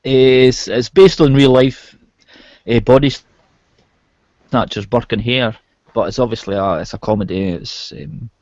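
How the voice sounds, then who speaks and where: A man's voice: mid-range voice, a little slow, long pauses, darkish tone, no echo, lo-fi sound. A man chatting casually about movies. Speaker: chat guest.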